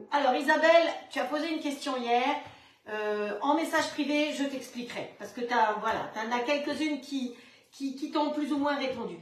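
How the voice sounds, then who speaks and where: A woman with a bright, high voice runs a live cooking demonstration, chatting away as she works. She greets her viewers one by one by name. Her voice carries the echo of a hard room, and she stands a little away from the microphone. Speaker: cooking show host on a live stream. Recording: echoey room, mic at a distance.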